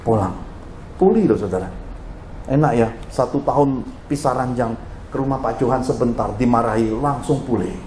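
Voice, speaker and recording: With medium pitch and a moderate pace, a middle-aged man preaches to his congregation in a church hall, telling stories with animation and often addressing them directly. The recording has roomy echo and a slight hiss or hum.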